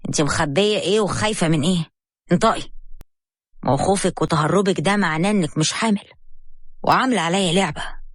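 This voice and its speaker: A woman voicing a stern, suspicious husband in an Egyptian accent, dropping her voice low. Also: fast, long pauses, no echo, studio quality, natural voice. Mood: angry. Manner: stern, lowered voice.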